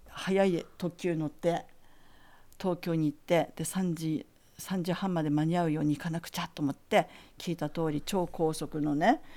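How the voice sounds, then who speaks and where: A woman from Akita telling a personal story in an animated way, acting out the voices of the people she quotes. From Akita, Japan. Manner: animated, acts out quoted voices with big pitch jumps. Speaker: green coordinator. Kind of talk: storytelling anecdote.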